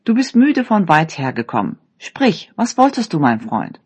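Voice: medium pitch, wildly swooping pitch, normal speed, slightly rough. A storyteller voicing a kindly, loyal talking blue bird in a read-aloud fairy tale. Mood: gentle.

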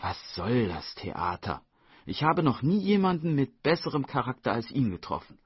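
A man's voice: medium pitch, very animated, normal speed, slightly rough, dry recording, pitched above the performer's own voice. A man voicing a carefree, cheeky young daughter who answers in breezy, teasing retorts. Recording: dull, dry studio voice-over.

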